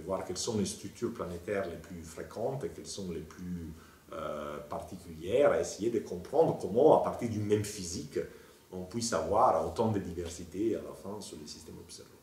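Filmed in a bookshelf-lined office, a planetary scientist from Italy, a native Italian speaker, thoughtfully explains his research in an interview monologue, hesitating now and then. His voice sits low and darkish, picked up from a distance in a roomy sound.

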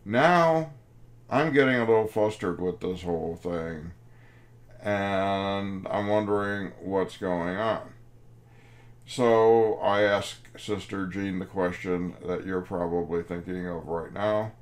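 A man in his fifties lectures like a professor, spinning a wry anecdote. His voice sits low, and he takes his time. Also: takes it slowly. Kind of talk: storytelling lecture.

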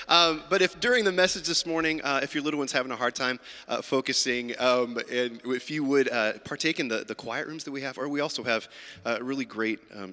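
A man leads a church service as pastor, talking casually and stumbling over his words with fillers and restarts. His voice is bright and forward, and it rings through a large church sanctuary with a long reverb, as heard on a livestream. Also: mid-range voice. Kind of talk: church announcements and prayer.

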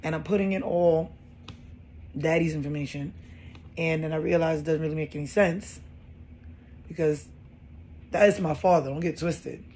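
A woman in her thirties recounts her own story in casual, animated speech, leaning on repeated phrases to drive each point home. A faint ambient hum sits quietly under her voice. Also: deep voice, moderate pace, pauses often. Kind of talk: personal storytelling.

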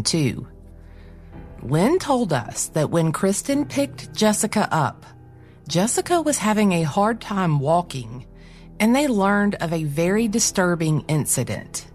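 A woman hosting and narrating a true crime show in a measured, scripted delivery. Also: mid-range voice, big pitch swings, darkish tone, soft background music. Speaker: host, narrator.

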